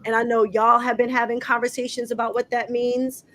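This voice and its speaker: A woman with a slightly high voice hosts a community talk show, surrounded by a group of young people in an indoor room. She speaks fairly quickly in a level tone, warm, affirming and conversational, with frequent "um"s. There's a little hiss or hum in the recording.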